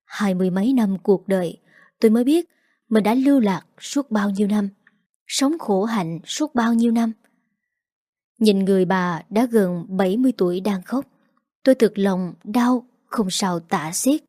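A woman reads a first-person story aloud, her delivery measured and full of feeling. Her voice is dark and mellow at a middle pitch, with a dry, close sound. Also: no echo. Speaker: audiobook narrator.

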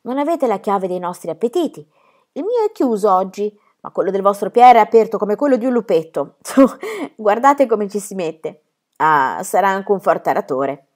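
A woman voicing a young, poor peasant girl who is gentle and wise, speaking tenderly in an audiobook reading. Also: mid-range voice, animated, normal speed, voice pushed up, natural voice. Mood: coaxing.

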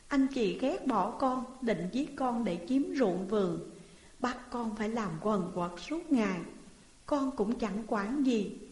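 A woman's voice: fairly high pitch, a little mellow. A woman reading a folk tale voices a mistreated thirteen-year-old boy lamenting at his parents' grave. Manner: lamenting, plaintive. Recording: echoey reverberant room.

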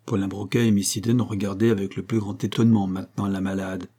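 A male audiobook narrator reads a novel in a steady, measured way. His voice is dark and mellow with a husky grain. The reading is even and unhurried. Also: fairly low pitch.

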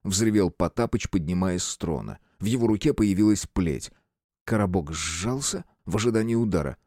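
Guy reading an audiobook, dramatic, lively low voice, dry sound. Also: normal speed, dry recording. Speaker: narrator. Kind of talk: audiobook narration.

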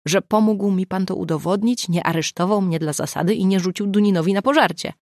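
A woman's voice: mid-range voice, brisk, darkish tone, dry recording, clean studio sound, natural voice. A woman reading the part of an impulsive, outspoken woman writer who blurts out what she thinks. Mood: earnest. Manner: blurting, triumphant outbursts.

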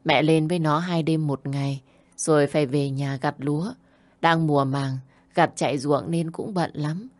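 A woman's voice: low-pitched, fairly even intonation, moderate pace, no room sound, close to an everyday voice. Woman doing an old mother, choked with tears. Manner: choked, tearful, pleading. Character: old mother longing for her absent son.

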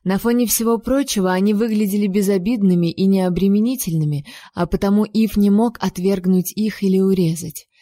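A woman reading a first-person novel aloud, lively and playful in her storytelling. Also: medium pitch, fairly quick, few pauses, no room sound. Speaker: audiobook narrator.

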